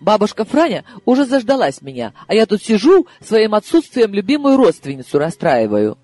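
A man putting on an excitable young woman in her mid-twenties, pitched far above his own voice and pushed louder. She sounds shrill, wounded and combative, with a soft, breathy edge to the tone. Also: normal speed, no room sound, exaggerated voice. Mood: indignant. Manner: shrill, tearful, protesting.

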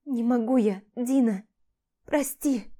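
A woman's voice: a little high, slow, dark tone. A woman voicing a guilt-ridden young woman friend who sobs and pleads in an audiobook. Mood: tearful confession. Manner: sobbing, pleading, overwrought. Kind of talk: audiobook character voice.

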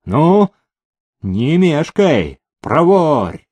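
A man reading an audiobook, voicing an older tyrannical master with a slow, threatening delivery. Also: lowish voice, very animated, vocal fry, mellow, breathy edge, no room sound, heavily acted. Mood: menacing.

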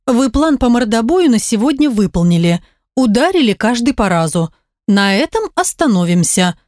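Woman playing a brisk, bossy tiny blonde, audiobook. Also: a little high, very animated, a little mellow, dry recording, studio quality. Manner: brisk, takes charge. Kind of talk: audiobook character reading.

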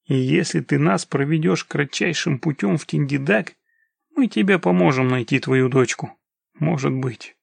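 A man's voice: fairly high pitch, normal speed, gravelly, husky, no echo, full character voice. A man doing a shrewd persuasive scout. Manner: persuasive, questioning.

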